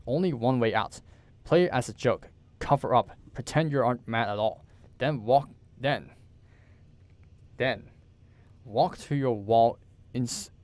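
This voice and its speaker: A man's voice: medium pitch, darkish tone, no room sound, natural voice. A man reading as an anxious older man hissing urgent warnings.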